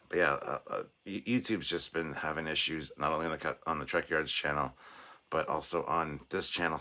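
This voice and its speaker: A man with an extremely low voice hosts a relaxed livestream despite a sore throat that leaves him hoarse and cracking. He rambles in a chatty, self-deprecating way while reading viewer comments aloud, his tone still forceful with a bright edge.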